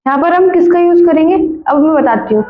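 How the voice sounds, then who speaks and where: High-voiced woman teaching a repetitive grammar lesson. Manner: repeats words and keeps asking students questions; corrects her own slips with quick apologies. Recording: echoey room, dull lo-fi sound.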